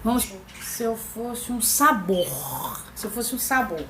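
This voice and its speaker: A woman's voice: a little high, measured pace, a bit bright. Playful woman in an echoey room. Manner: playful and jokey, makes sound effects. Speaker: vlogger. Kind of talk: casual vlog Q&A tag. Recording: echoey room with faint background noise.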